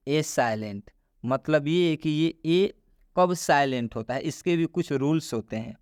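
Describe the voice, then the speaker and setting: Male tutor, fairly high voice, drills and questions the class. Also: animated, measured pace, smooth, no room sound, studio quality. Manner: repeats rules and quizzes the listener. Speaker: English pronunciation teacher. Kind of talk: classroom-style explanation.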